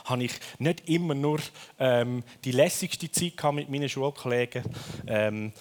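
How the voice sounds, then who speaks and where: A man from Switzerland with a Swiss accent, preaching a sermon in a lively storytelling way and often ending his phrases with a questioning tag. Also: mid-range voice, normal speed.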